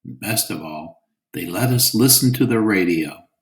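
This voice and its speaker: A man voicing an eager, friendly young twin boy, cheerful and lively. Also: on the low side, moderate pace, echoey room, natural voice, low-quality recording.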